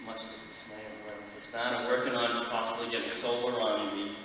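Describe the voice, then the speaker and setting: A man's voice: mid-range voice, flat delivery, quick pace. Echoey preacherly man at a pulpit, like a vicar. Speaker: lay speaker giving a church sermon. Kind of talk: sermon read from notes. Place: large church, at a pulpit. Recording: echoey church hall, distant mic, background noise.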